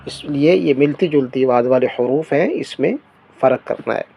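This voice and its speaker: A man teaching a Quran reading lesson, sounding out each letter slowly and stressing every syllable before explaining it. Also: medium pitch, vocal fry, dark tone, slightly rough. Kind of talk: slow recitation lesson.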